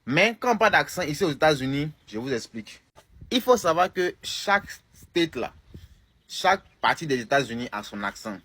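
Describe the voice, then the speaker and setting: A man's voice: a little high, sing-song, moderate pace, fairly bright tone, husky, no echo. A young man with an Ivorian French accent, answering a comment in a casual video. He talks with emphasis and often repeats or restarts phrases. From Côte d'Ivoire. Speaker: content creator.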